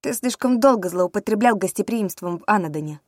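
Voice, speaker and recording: A woman's voice: lowish voice, normal speed, dry recording, clean studio sound, close to an everyday voice. A woman voicing a fierce, defiant young witch heroine with an urgent, fiery delivery.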